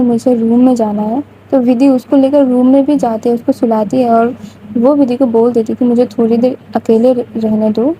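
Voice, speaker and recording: A woman's voice: on the high side, mellow, slight background noise, rough recording. A woman casually retelling a love story in a chatty, informal way. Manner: chatty, informal, frequent English fillers.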